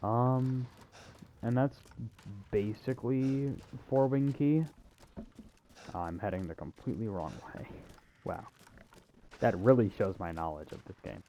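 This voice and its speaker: In a dark-toned, lowish voice, a man works through a video game casually and without a script, taking an offhand, self-deprecating angle. He's unhurried and pauses often, and a little background noise can be heard.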